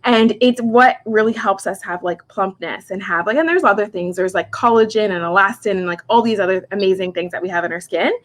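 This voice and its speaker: A woman in her forties, a makeup artist and skincare specialist, chatting casually on a live stream from home and filling her talk with "like". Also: medium pitch. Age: 40s. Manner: chatty, heavy use of "like", quick asides. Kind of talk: casual live product chat.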